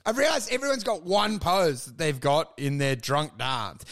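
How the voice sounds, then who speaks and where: A man's voice: fairly high pitch, a bit bright. A man, co-hosting a podcast in a rambling, self-mocking way with a lot of swearing. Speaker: podcast co-host. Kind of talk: casual comedic chat.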